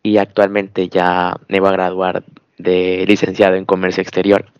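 A man in his twenties from Ecuador, answering a casual interview as guest in a relaxed, agreeable way with frequent short acknowledgements. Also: deep voice, moderate pace, smooth, dry recording, dull audio. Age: 20s.

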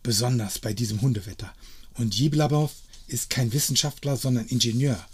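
A man's voice: mid-range voice, fairly quick, a little hiss or hum. A man narrating stories aloud in a dry, wry reading style. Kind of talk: scripted story reading.

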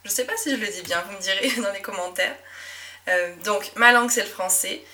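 A young woman from southwest France with a Médoc accent, a French teacher talking reflectively in a casual monologue, with frequent fillers and soft laughs. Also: mid-range voice, fairly quick, far from the mic. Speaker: French teacher and podcast host.

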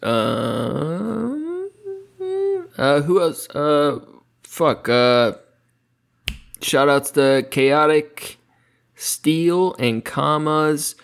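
A man's voice: fairly high pitch, lively intonation, drawn-out words, vocal fry, long pauses, clear, resonant tone. A man co-hosting a podcast in loose, casual chat, swearing freely and laughing often. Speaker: podcast co-host.

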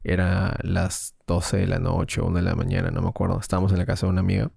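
Gravelly low man telling stories. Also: monotone, fast talker, darkish tone, dry recording, clean studio sound. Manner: rambling storyteller with slang and restarts. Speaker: podcast co-host, filmmaker. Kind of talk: casual chat.

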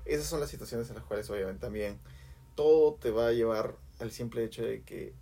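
Husky man giving easygoing advice. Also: medium pitch, fairly quick, dark tone. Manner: reflective, advice-giving, many restarts. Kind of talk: casual podcast chat.

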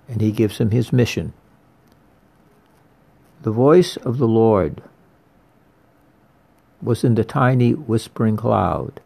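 A man preaching a slow, deliberate sermon, repeating his key phrases for weight. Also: lowish voice, gravelly, dark tone. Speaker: priest.

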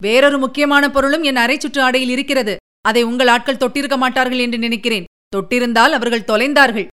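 Woman reading a cocky young warrior guy, fast and fired up, smooth clear voice, a bit high. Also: steady tone, fairly bright tone. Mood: indignant. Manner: quick, indignant, demanding. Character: bold young male warrior envoy, sharp-tongued.

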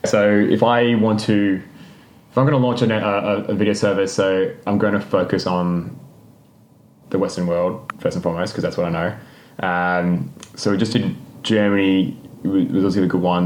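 A man's voice: low-pitched, level tone, normal speed, darkish tone, a little hiss or hum. A man co-hosting a podcast in casual chat, rambling and laughing often as he corrects himself. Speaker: podcast co-host. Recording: roomy echo.

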